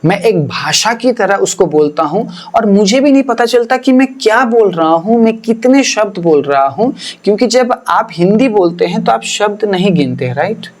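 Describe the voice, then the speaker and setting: A man's voice: high-pitched, animated, normal speed, hardly any pauses. A man, a pastor, explaining his teaching earnestly in a podcast, slipping English phrases into his talk and repeating words for emphasis.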